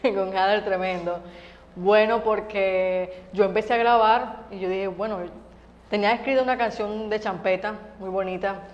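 A young woman from Venezuela talks about her music in a relaxed, lively way, laughing between phrases. Her voice sits in a middle range. The sound is a little dull and carries a long studio reverb. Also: medium pitch, moderate pace. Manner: lively, laughs often, many fillers. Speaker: singer, interview guest. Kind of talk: casual interview chat. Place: TV studio set.

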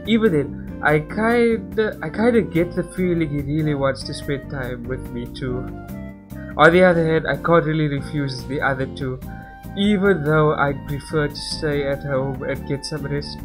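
During a casual let's-play, this young gaming host reads on-screen text aloud before veering into rambling commentary and cutting himself off. His pitch is fairly high and his pace moderate. Background music accompanies his voice.

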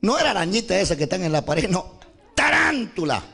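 A man giving a dramatic church testimony, often breaking into shouts and calling on the congregation to clap. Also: high voice, big pitch swings, a little fast, gravelly. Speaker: testimony speaker at a church service.

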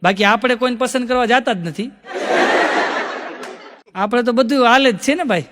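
A man's voice: very high-pitched, moderate pace, long reverb tail, heavy background noise. A male stand-up comedian, telling stories in a chatty way and acting out the voices he quotes. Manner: chatty, acts out quoted voices, laughs at his own punchlines. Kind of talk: live stand-up storytelling.

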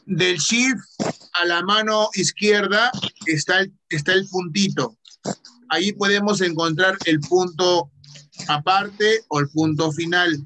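A male teacher with a Peruvian Spanish accent talks slowly through an online computer lesson. His voice is fairly high and bright, and he patiently asks questions and then answers them himself. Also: a little hiss or hum.

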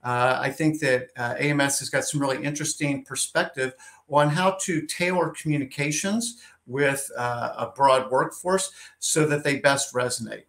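A man's voice: medium pitch, normal speed, fairly bright tone. A man in his fifties hosting an interview over a video call from a home office, upbeat and conversational with a few fillers. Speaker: host. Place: home office with a wooden door. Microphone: webcam on a video call.

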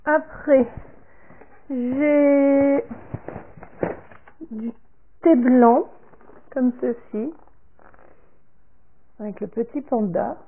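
A woman vlogger showing a product order in casual talk, halting and trailing off softly after each item. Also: sits high, a little hiss or hum. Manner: slow and halting, repeats "comme ceci" and "voilà", trails off softly. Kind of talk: casual unboxing talk to camera. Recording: tinny phone-like sound.

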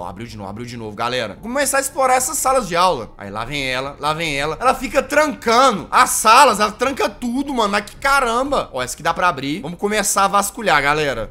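A man from Brazil giving excitable, joking commentary while playing a horror game, shouting when he gets scared. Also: a little high, vocal fry. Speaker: gaming YouTuber. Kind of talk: let's play commentary.

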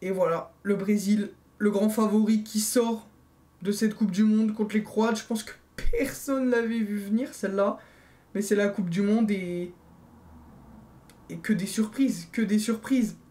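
Young man, mellow voice, casual football recap, repeats himself for emphasis, small bedroom, webcam mic. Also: high voice, measured pace. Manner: animated, repeats phrases for emphasis, addresses viewers as guys. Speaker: football video creator.

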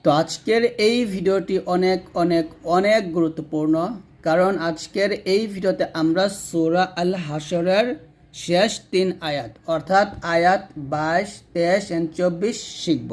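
A man with a Bangladeshi Bengali accent and a fairly high voice leads a recitation lesson. He breaks each word into its letters and vowel marks, draws out the sounds syllable by syllable, and has the listener repeat after him. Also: measured pace. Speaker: Quran teacher. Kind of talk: slow spelled-out recitation lesson.

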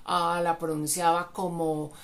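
A woman with Spanish as her first language, teaching English pronunciation and repeating each word slowly for practice. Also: fairly low pitch, little pitch movement, vocal fry. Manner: repeats words slowly for drilling. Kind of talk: pronunciation lesson.

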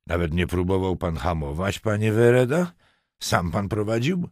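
Brief: stern sardonic cop, curt and mocking, low dry voice, a narrator puts him on. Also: male voice, normal speed, no echo. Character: stern sardonic male police lieutenant.

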